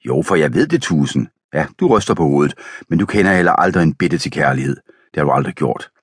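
A man voicing an excitable, theatrical middle-aged craftsman's wife in an audiobook. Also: a bass voice, husky, no echo, studio quality, full character voice. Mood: excited.

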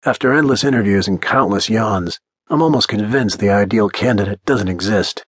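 Husky low-voiced male audiobook narrator. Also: moderate pace, no room sound. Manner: blunt, confident first-person storytelling. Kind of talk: first-person audiobook narration.

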